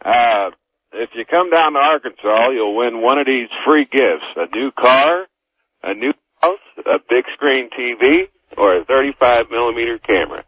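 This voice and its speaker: A man calling in to a radio show, reading off a list in a deadpan way. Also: mid-range voice, moderate pace, no echo. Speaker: caller. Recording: tinny dry phone line.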